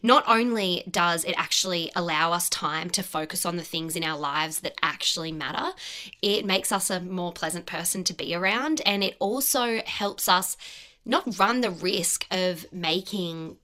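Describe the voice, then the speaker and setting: Bright-voiced woman hosting a self-help podcast. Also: on the low side, normal speed. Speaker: podcast host. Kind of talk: scripted self-help podcast monologue, conversational.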